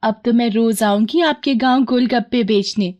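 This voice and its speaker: A woman's voice: on the high side, moderate pace, a little mellow, pitched above the performer's own voice, close to an everyday voice. A woman voicing a young witch disguised as a golgappa seller, honeyed and teasing. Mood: sweet coaxing. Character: sweet-talking young female witch selling golgappe.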